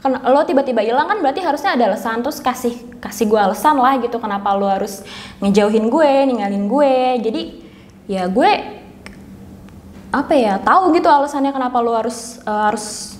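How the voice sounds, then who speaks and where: A woman of twenty-four answers interview questions in a slangy, pleading, drawn-out way. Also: fairly high pitch, expressive, a little mellow. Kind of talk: casual vlog interview answers. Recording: echoey room.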